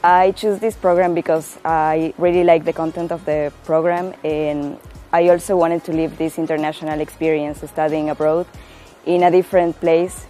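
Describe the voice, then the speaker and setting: A woman from Ecuador gives an earnest student testimonial. Her voice is low, even and mellow, and her delivery stays steady, with soft music faintly underneath. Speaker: master's student. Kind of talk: scripted promo testimonial.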